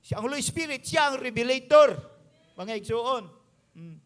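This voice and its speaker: High-voiced Visayan Filipino pastor preaching. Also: male voice, expressive, moderate pace, fairly bright tone. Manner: emphatic preaching, mixing English with the local language. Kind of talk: sermon.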